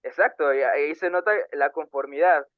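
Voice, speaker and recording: A young man co-hosting a casual podcast, earnest and halting, with many fillers and restarts. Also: on the high side, fairly even intonation, no echo. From Panama. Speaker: podcast co-host. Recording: tinny phone-like sound.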